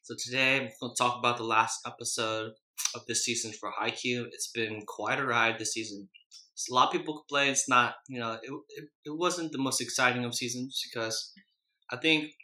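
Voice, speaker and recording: Bright-voiced man chatting while eating, echoey room. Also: mid-range voice. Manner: chewing and eating while talking. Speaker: mukbang host. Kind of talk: casual chat while eating. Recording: roomy, echoey indoor sound.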